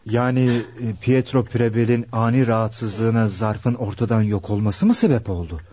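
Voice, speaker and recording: An actor playing a young fiancé in a radio drama, earnest and reassuring. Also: male voice, on the low side, fairly even intonation, normal speed, warm tone, no room sound, close to an everyday voice. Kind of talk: 1960s Turkish radio drama acting. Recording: dull lo-fi dry archive radio recording.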